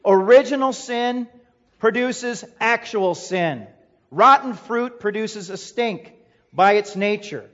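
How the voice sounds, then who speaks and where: A man's voice: high-pitched, lively intonation, slow pace, fairly bright tone. A male pastor preaching a sermon in an emphatic way, with rhetorical questions and a repeated refrain. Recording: echoey hall, dull lo-fi sound.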